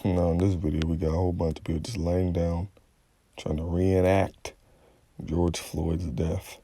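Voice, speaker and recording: Gravelly low-voiced man preaching a rant. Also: flat delivery, moderate pace, mellow, a little hiss or hum. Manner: confrontational, profane, repeats "okay?". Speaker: religious commentator.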